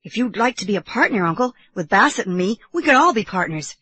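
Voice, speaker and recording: A woman's voice: medium pitch, animated, quick pace, a bit bright, husky, no room sound, voice pushed up. A woman playing a grave, insistent young English boy with secrets, in a storybook reading. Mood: serious, eager.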